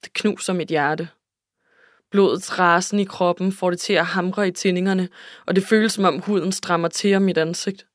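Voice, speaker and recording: A woman's voice: fairly low pitch, fairly even intonation, no room sound, clean studio sound. A woman reading a first-person novel aloud in an emotional, intimate way. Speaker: audiobook narrator. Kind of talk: scripted first-person narration.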